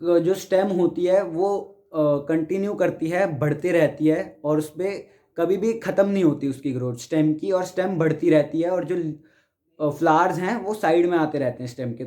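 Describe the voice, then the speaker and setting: A man's voice: a little high, warm tone. Young Indian man teaching biology. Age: young adult. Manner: explains step by step, reads textbook lines then restates them. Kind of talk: exam-prep lecture.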